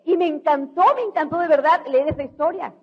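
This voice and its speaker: A middle-aged woman with a Mexican accent giving an animated motivational storytelling talk, acting out voices. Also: high voice, brisk. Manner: animated, acts out quoted voices. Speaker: motivational speaker. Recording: dull lo-fi recording.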